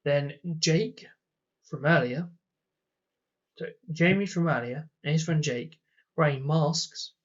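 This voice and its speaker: A young adult man casually tells rambling personal stories in a slightly high voice, speaking slowly with long pauses while acting out what the people in them said. The audio has its highs cut off.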